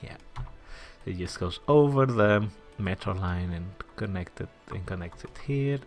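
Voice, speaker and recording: Low gravelly man muttering through a game. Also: expressive, soft background music. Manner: thinks aloud, muttering asides to himself, with quick whispered remarks; chatty and self-deprecating toward viewers. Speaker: gaming channel host. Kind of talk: let's-play commentary while building a city.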